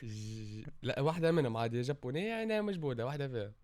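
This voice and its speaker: A young man with a Tunisian accent bantering and teasing as a contestant in a car guessing game, often repeating his words quickly. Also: mid-range voice, lively intonation, a little mellow, no room sound. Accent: Tunisian Arabic.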